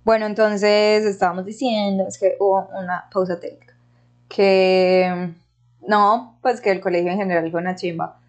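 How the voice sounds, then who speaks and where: A woman's voice: medium pitch, little pitch movement, normal speed. A woman in her thirties with a Colombian paisa accent, hosting a podcast in slangy, laugh-filled casual chat. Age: 30s. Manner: slangy, laughs often, chatty. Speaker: podcast host.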